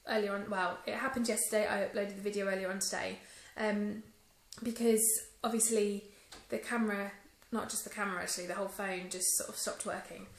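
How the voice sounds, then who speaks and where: A woman's voice: mid-range voice, fairly even intonation, a little fast, few pauses. A woman records a casual vlog on a phone held at arm's length, chatting through her review with plenty of ums and small restarts. Her voice sits in a middle range, and the room around her is noticeably echoey. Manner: chatty, many ums, mildly disappointed.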